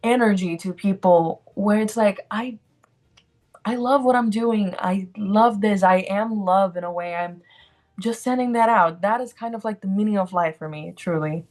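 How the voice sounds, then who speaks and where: A medium-pitched, darkish-toned voice belongs to a Brazilian actor in her twenties, chatting at a normal speed as a guest in a relaxed interview. Her speech carries a Brazilian accent and plenty of "like" and "um."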